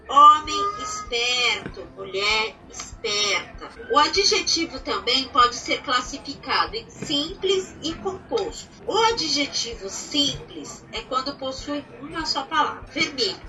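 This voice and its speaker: High, bright-voiced woman teaching slowly. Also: far from the mic, low-quality recording. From Brazil. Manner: patient, explains step by step with examples, checks in with "certo?". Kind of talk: recorded grammar lesson.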